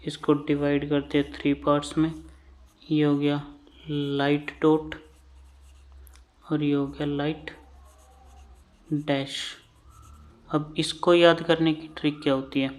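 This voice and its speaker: A man's voice: on the high side, level tone, slow pace, long pauses, darkish tone. A man with an Indian English accent teaching shorthand vowels, patiently repeating each term while he writes. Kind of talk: slow classroom lesson at a board.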